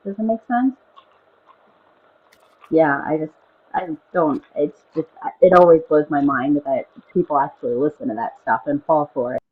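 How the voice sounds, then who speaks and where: A woman's voice: deep voice, moderate pace, breathy edge. A woman chatting casually on a stream through a muffled earbud headset mic, hesitant and trailing off mid-sentence. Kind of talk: casual chat. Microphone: wireless earbuds.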